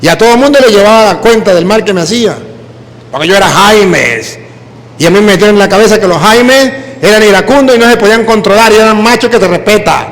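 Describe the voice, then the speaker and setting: Man, Venezuelan accent, priest, storytelling sermon, high pitch, hall reverb. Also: fast talker. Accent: Venezuelan Spanish. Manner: lively, storytelling, mimics people he quotes. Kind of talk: sermon with personal stories.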